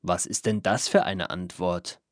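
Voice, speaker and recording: A man's voice: low-pitched, a little slow, no echo, clean studio sound, voice pushed down. A man voicing a strict middle-aged father in a story, speaking in an indignant, lecturing way.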